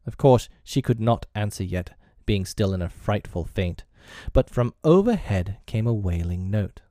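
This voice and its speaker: A man reading a children's classic aloud as an audiobook narrator, in an expressive storytelling way. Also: fairly low pitch, measured pace, no echo, clean studio sound. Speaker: audiobook reader.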